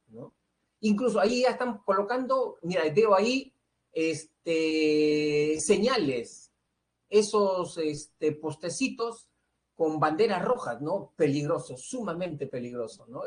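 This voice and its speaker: A man with a Peruvian accent lectures students on psychology. He works through each point out loud, poses questions and answers them himself, and checks in with a questioning "¿no?" at the end of almost every phrase, with "este" filling his pauses. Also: on the high side. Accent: Peruvian Spanish. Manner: explanatory, tags nearly every phrase with a questioning "¿no?". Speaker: pre-university psychology teacher.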